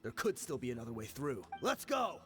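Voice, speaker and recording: Earnest, lively mercenary follower. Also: male voice, mid-range voice, a little fast, music in the background. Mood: urgent, rallying. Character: loyal, eager male mercenary follower. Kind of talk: video game voice acting.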